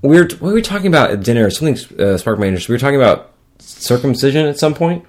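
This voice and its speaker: A man's voice: medium pitch, sing-song, very fast, a little mellow. A man chatting casually and crudely as a podcast co-host, sitting a little distant from a shared microphone. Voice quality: frequent throat clearing. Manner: crude, joking, profane. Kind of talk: casual chat. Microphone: one shared microphone. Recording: distant from a single shared mic.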